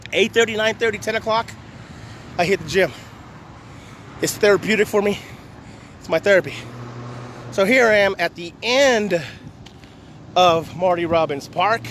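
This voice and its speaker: A man's voice: sits high, measured pace, long pauses, fairly bright tone. A man, out of breath while walking outdoors and vlogging, talking in a blunt, combative way. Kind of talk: walking vlog. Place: outdoors at a park beside a long line of cars. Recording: faint street noise outdoors.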